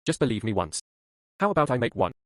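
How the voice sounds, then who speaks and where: A man's voice: mid-range voice, very animated, quick pace, dry recording, clean studio sound, lightly acted. A man playing an earnest young cook. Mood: eager. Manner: earnest, coaxing. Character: earnest young male cook, eager to prove himself. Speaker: hospital canteen chef. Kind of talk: dubbed drama dialogue.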